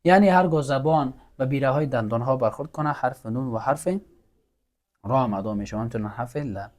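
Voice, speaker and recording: A mid-range, darkish voice guides this Quran recitation lesson, where the male teacher patiently drills letter sounds. Students repeat each one in call-and-response fashion, and he praises them.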